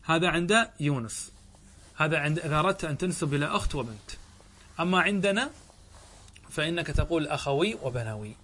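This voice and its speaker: A man's voice: fairly high pitch, animated, fast talker, pauses often, sharp tone, husky. Man explaining grammar through questions. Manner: explains step by step, poses questions and answers them; repeats key words for emphasis. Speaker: teacher of Arabic grammar. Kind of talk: classroom lecture.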